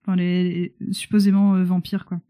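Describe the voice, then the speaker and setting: A woman's voice: fairly low pitch, flat delivery, normal speed, dark tone. A woman co-hosting a casual podcast about a novel, wry and a little hesitant. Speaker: podcast co-host. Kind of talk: casual book discussion.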